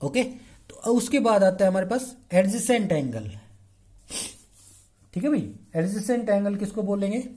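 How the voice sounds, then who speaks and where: A man with a high, mellow voice and wide pitch swings explains a math lesson, blending Hindi with English math terms. He asks the class questions, answers them himself, and checks in by saying "okay" over and over. While writing on the board he turns slow and drawn out.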